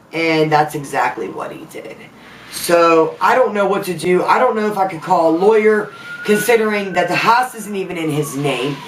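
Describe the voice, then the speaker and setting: Her voice is lowish and sits far from the microphone, bouncing around an echoey room. At home, the vlogger and makeup artist delivers a heated, profanity-laced rant, venting her anger for the camera.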